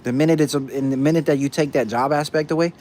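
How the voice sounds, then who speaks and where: A man's voice: on the high side, steady tone, fast talker, a little mellow, slight background noise. Blunt, profane man chatting with viewers. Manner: blunt, profane, says "bro" a lot. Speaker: streamer answering chat. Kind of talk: casual chat.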